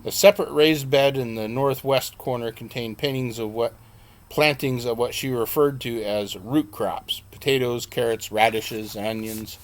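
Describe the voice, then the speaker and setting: A man narrating his own novel as an audiobook in a plain, unhurried reading with an occasional slip he corrects. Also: medium pitch.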